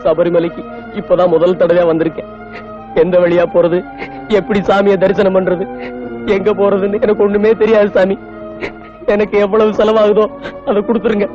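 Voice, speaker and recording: A man's voice: high voice, little pitch movement, normal speed, long pauses, natural voice. An actor playing a poor, humble male pilgrim on his first trip, pleading and tearful. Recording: dull old film soundtrack. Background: film music.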